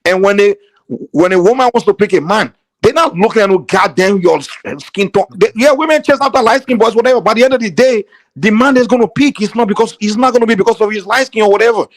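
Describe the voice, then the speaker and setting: A Nigerian-accented man from Nigeria, a guest on a call-in show, argues in a heated debate and keeps pressing his point despite interruptions. His voice is high-pitched and quick, with no room sound.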